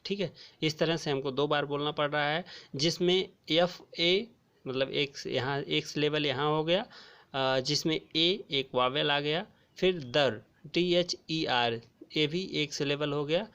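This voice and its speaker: Slow, patient male grammar teacher. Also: a little high, a bit bright, clean tone. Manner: slow, repeats key terms and calls viewers friends. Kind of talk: classroom lecture explaining grammar. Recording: dull lo-fi recording.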